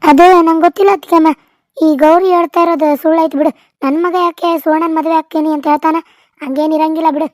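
A woman's voice: extremely high pitch, steady tone, fast, a little mellow, dry recording, clean studio sound. A woman voicing a village mother who snaps back to defend her son, in a North Karnataka Kannada accent. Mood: defensive.

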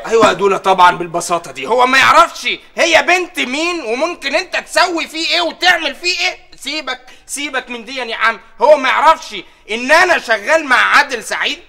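An actor playing a dim-witted, oblivious friend who is slow to react, speaking naively and at length with an Egyptian Arabic accent. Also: male voice, extremely high pitch, expressive, creaky, bright, forceful tone, full character voice. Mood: rambling. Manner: rambling and naive. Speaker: sitcom character. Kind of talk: sitcom acting. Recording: sitcom laugh track audience.

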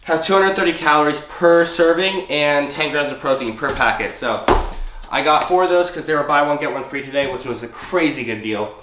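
A man's voice: on the high side, fairly quick. A young man with a congested, stuffy voice, chatting through a grocery haul in a casual vlog. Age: young adult. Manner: chatty, upbeat, explains item by item. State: congested, sick. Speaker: vlogger. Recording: roomy, distant, noisy home recording.

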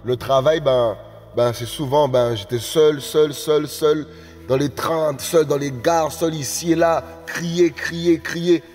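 A man preaching a live-streamed sermon, exclaiming and repeating phrases, often rising into shouted appeals. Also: on the high side, steady tone, takes it slowly. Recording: reverberant room with faint music.

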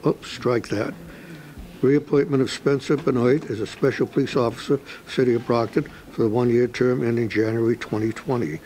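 A man serving as city clerk, reading agenda items aloud in a flat, steady way. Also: mid-range voice, normal speed, slight background noise, poor audio. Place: council meeting room.

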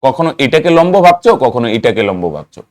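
A man's voice: medium pitch, sing-song, quick pace, dry recording, clean studio sound. A man teaching a math lesson, asking students questions, answering them himself and chanting terms to help memory. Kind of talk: classroom-style lesson to students.

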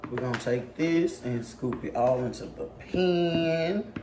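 Speaking slowly in a deep voice, this young woman chats and teases her viewers straight to camera on her casual home cooking vlog. Mixing has worn out her arm. The home kitchen setting makes the audio echoey, with noise in the background.

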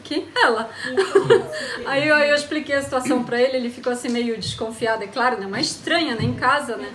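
A Brazilian woman with a high, bright voice tells a personal story in a relaxed, chatty way, acting out each line of dialogue. The room is echoey. Other voices murmur in the background. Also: brisk, a crowd in the background. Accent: Brazilian Portuguese. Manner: animated, acts out dialogue, laughs often. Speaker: storyteller guest. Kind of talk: casual storytelling chat. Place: home in Japan.

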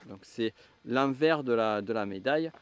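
A man's voice: mid-range voice, expressive, normal speed, smooth. A man from southwest France with a southwestern French accent, speaking in a middle-aged voice. He explains personality types to the listener, thinking aloud with frequent hesitations and restarts. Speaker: enneagram coach and trainer. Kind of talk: reflective teaching monologue.

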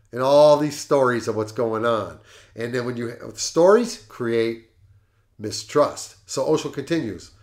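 Man, middle-aged, show host, reads from a book, comments between passages, slightly high voice, very expressive pitch. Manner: animated, laughs at the jokes he reads. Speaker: podcast host. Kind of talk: reading aloud and commenting on a book.

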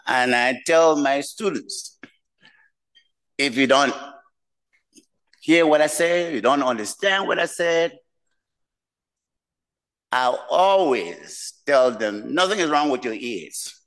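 A man's voice: mid-range voice, animated, a bit bright, low-quality recording. Older man with a West African accent. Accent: West African, mixed from many languages. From Nigeria and Cameroon. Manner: slow, deliberate, humorous. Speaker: keynote speaker, professor. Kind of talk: speech at a podium. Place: lecture room. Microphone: podium mic.

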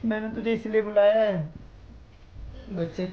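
A man's voice: high-pitched, fairly even intonation, a little slow. Young man, prank host, coaxing and pleading tone, dull lo-fi audio with faint hiss. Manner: pleading and soothing, repeats pet names. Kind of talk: staged prank conversation.

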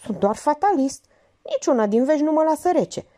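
A woman's voice: high-pitched, sing-song, dark tone, voice pushed up. A woman reading the part of a worried, resigned middle-aged male architect in an audiobook. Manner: earnest, a little fatalistic.

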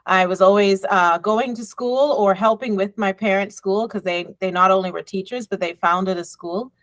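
On a dry recording, a middle-aged engineering professor and department chair from the Bahamas speaks in a mid-range voice, giving a reflective, measured conference talk. She's on a laptop webcam video call from her office, which has bookshelves and a window, and she frequently says um and you know.

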